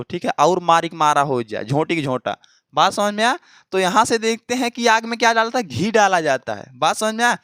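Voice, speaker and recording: A man's voice: sits high, a bit bright, no room sound. A man teaching an exam-prep Hindi grammar lesson, repeating points and often checking that students follow. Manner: repetitive, checks understanding often. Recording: dry close recording.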